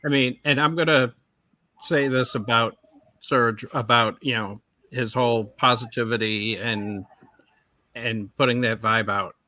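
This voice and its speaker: Bright, dry-sounding podcast host man. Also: mid-range voice, steady tone, unhurried, no echo. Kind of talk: casual podcast chat.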